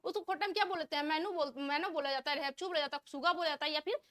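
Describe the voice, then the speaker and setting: A woman's voice: sits high, rapid-fire, fairly bright tone. A woman teaching an exam-prep vocabulary lesson. She reads out multiple-choice options, asks each question, repeats it, then gives the answer.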